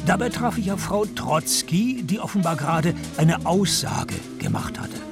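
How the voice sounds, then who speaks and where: Sardonic private eye for radio crime drama: highish pitch with a creaky edge, deadpan. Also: male voice, a little slow, music in the background, exaggerated voice. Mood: wry narration. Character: dry, wisecracking private detective narrating his own case. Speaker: detective and first-person narrator.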